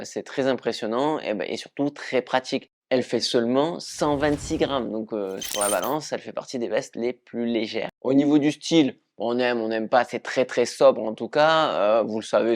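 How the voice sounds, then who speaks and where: A man, chatty and full of filler sounds, casually reviewing running gear just after a wet run. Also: mid-range voice.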